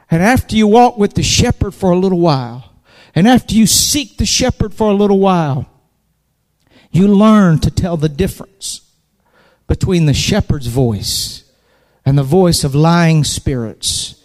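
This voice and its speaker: A man's voice: fairly high pitch, a little mellow, in a large hall. A man preaching a sermon in a church, impassioned, repeating phrases and building emphasis. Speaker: pastor. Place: church sanctuary.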